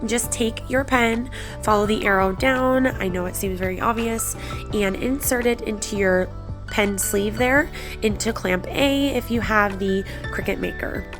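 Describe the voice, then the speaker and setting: A woman with a breathy, slightly congested voice from a cold, narrating a craft tutorial in a chatty, encouraging way. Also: mid-range voice, unhurried. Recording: background music under the voice. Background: music.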